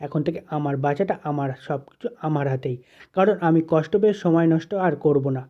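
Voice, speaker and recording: A woman's voice: low voice, a little fast, close to an everyday voice. Brief: hurt, defiant young woman, read by a man, pleading, lo-fi. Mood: tearful. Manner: pleading, then bitter.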